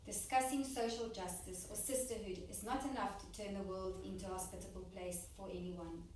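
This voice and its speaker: A woman interprets a ceremonial speech phrase by phrase in a steady, plain delivery, now and then restarting a word. Her voice sits at a middle pitch and is heard from across a hall, with strong reverb and a faint hiss underneath. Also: normal speed. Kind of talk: consecutive interpretation into English. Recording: echoey hall, distant mic, faint noise.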